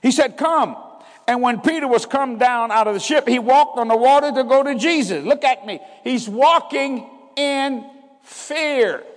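Man, very high voice, sermon, call-and-response emphasis, long reverb. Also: moderate pace. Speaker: preacher.

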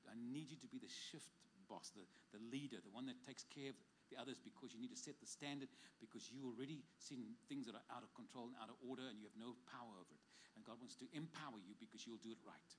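Fast-talking pastor man prophesying. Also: mid-range voice, slight background noise. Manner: fast, emphatic, joking asides. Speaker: pastor giving prophetic words. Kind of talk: prophetic ministry to congregation. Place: church service.

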